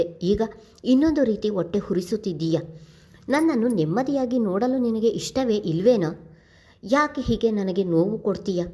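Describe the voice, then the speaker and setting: A woman's voice: medium pitch, dark tone, breathy edge. A woman voicing a grieving middle-aged mother who pleads tearfully with her grown sons in a storybook reading. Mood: anguished.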